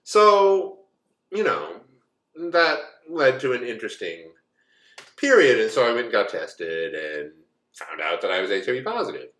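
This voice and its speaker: A man's voice: mid-range voice, big pitch swings, a little slow, fairly bright tone. A man in his forties from the United States, telling a personal story in a rambling, casual way with many asides. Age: 40s. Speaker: co-host. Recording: echoey room.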